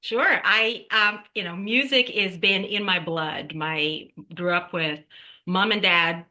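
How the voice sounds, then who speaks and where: Bright-voiced woman reflecting on music. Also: on the low side. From Brazil. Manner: reflective, halting with fillers, frequent "right?". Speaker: singer-songwriter guest. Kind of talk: casual interview talk.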